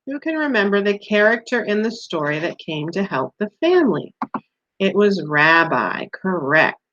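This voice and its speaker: A woman with a medium-pitched, slightly bright voice leads a read-aloud quiz for young children, posing simple questions and offering encouragement. The recording is a bit dull and lo-fi.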